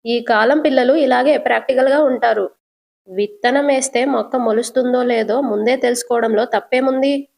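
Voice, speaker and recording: A woman's voice: fairly high pitch, moderate pace, vocal fry, a little mellow. A woman voicing a smug, manipulative middle-aged father who speaks in a coaxing, sly way. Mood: scheming.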